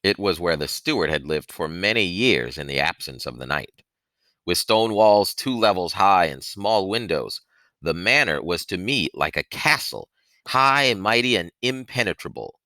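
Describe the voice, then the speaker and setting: Close-miked on a headset with no room sound, this low-voiced man narrates a novel in the first person. His reading is expressive, with dramatic, deliberate phrasing and strong stresses, in the style of an audiobook reader or book-reading host.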